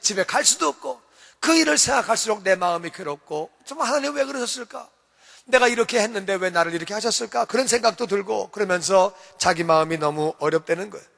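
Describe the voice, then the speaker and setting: Pastor guy preaching, high voice, bright and sharp, big echoey church hall. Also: creaky. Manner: emphatic preaching, repeats phrases for stress. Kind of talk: sermon.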